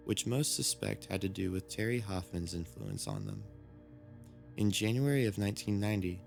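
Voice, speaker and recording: Low, gravelly man narrating dark mysteries. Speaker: narrator of a creepy mystery series. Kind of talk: scripted true-crime horror narration. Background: background music.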